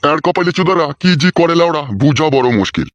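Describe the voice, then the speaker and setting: A man's voice: a little high, animated, quick pace, dull audio, natural voice. A man playing a coarse older village uncle in a comic skit, who scolds and swears. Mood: gruff.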